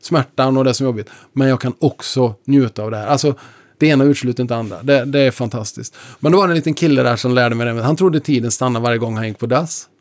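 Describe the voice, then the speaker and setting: Animated male storyteller in a chat. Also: medium pitch. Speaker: lecturer and musician. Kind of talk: conversational storytelling.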